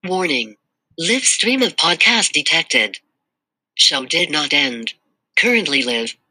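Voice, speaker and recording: A performer voicing a malfunctioning robot AI podcast producer in a glitching robot manner, reading out system status alerts and error warnings in a flat synthetic delivery. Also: mid-range voice, slow, slightly rough, no echo, heavily acted. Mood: alarmed, mechanical. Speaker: stand-in podcast host. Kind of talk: comedic scripted monologue.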